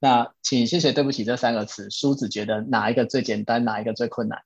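A man's voice: mid-range voice, fairly even intonation, fast, vocal fry, husky, dry recording. A man hosting a casual podcast chat, patiently explaining ideas from a self-help book and repeating his key points. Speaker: podcast host. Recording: dull lo-fi, dry.

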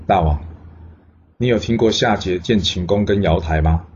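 A man playing a calm, shrewd old sage. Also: deep voice, normal speed, highs cut off, slight background noise, natural voice.

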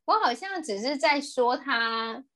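A woman in her late twenties with a Taiwanese Mandarin accent, co-hosting a casual podcast chat, chatty and quick to laugh, often restarting her sentences. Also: sits high, animated, sharp tone. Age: late 20s. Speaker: podcast co-host.

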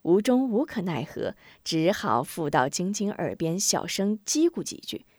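A woman narrating a children's story aloud in an expressive storytelling way. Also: fairly low pitch, measured pace, dry recording, clean studio sound. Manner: expressive, voices every figure.

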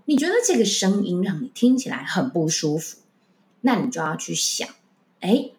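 Woman, speech coach; lively up-and-down delivery, rhetorical questions, recorded in an echoey room. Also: lowish voice. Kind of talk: podcast talk giving speaking tips.

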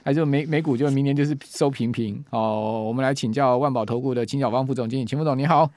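A male radio host with a Taiwanese Mandarin accent delivers breaking news in a conversational, chatty way. His medium-pitched voice is recorded close and dry, with little room sound. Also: fast talker, darkish tone, no room sound. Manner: frequent sentence-final particles, chatty.

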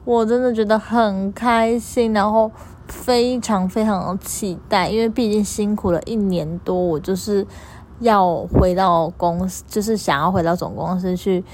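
A young woman, a store clerk telling her followers a story in a chatty, animated way and repeating things for emphasis. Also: medium pitch, unhurried, slight background noise.

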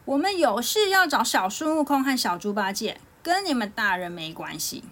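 A woman's voice: on the high side, big pitch swings, normal speed, fairly bright tone, voice pushed up. A woman voicing a bossy young boy warrior in a green robe, in a storybook tale. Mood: curt. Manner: curt, commanding.

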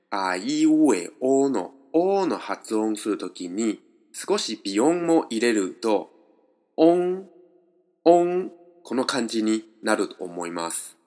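A man's voice: on the low side, darkish tone. A man teaching pronunciation step by step in a patient lesson, moving between two languages as he explains.

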